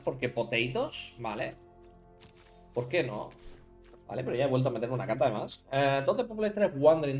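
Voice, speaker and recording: A man from Spain with a Spanish accent, chatting casually on a live stream while building a card deck and talking to viewers. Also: a little high. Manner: chatty, thinks aloud, talks to chat viewers by name.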